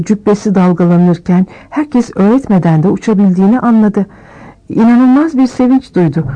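A woman reading a novel aloud as scripted narration, shifting her pitch a little for each character. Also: dark tone, rough recording. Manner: reads all characters with small pitch shifts. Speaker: audiobook reader.

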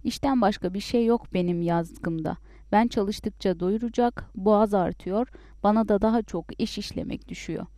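A woman's voice: mid-range voice, normal speed, warm tone, no echo, studio quality, natural voice. A woman voicing a weary, overworked young peasant wife in a storybook, grumbling in complaint.

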